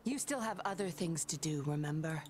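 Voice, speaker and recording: Yinlin, a sly puppeteer. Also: female voice, low-pitched, expressive, a little fast, noisy background. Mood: cool teasing. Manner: smooth, teasing, in control. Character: sly composed young woman puppeteer. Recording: game audio with music behind.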